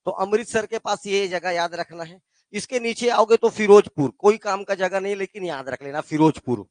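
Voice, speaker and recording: A man's voice: sits high, normal speed, darkish tone, no room sound. A male teacher with a Chhattisgarh Hindi accent, giving a classroom geography lesson and quizzing his students with call-and-response questions. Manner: addresses students as "beta".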